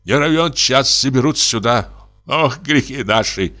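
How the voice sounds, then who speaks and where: A man's voice: medium pitch, lively intonation, normal speed, bright, forceful tone, voice pushed up. A man reading an audiobook voices a timid, pious old male forester who whines and sighs in fright. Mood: frightened whining. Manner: whining, sighing, fearful.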